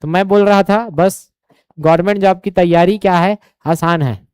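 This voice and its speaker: Smooth-voiced Chhattisgarhi coaching teacher. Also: male voice, high-pitched, steady tone, moderate pace, darkish tone, no room sound, studio quality. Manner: drills numbers by repetition, keeps asking if students follow. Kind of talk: exam coaching lesson.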